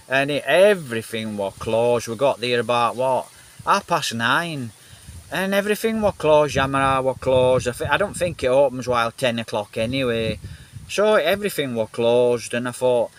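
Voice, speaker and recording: Northern English bloke, mid-pitched, loose chatty vlog delivery into a handheld phone. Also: male voice, a bit bright. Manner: rambling, repeats himself, many "you know" fillers. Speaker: vlogger. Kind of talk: casual rambling vlog chat. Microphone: phone held in hand, then on a gimbal.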